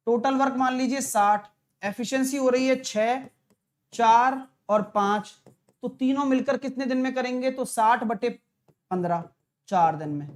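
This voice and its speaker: A male math teacher talking a live online exam-prep class through problems, brisk and coaxing, calling viewers brother and dear. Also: extremely high pitch. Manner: brisk, coaxing, chatty, mixes English terms, calls viewers brother and dear.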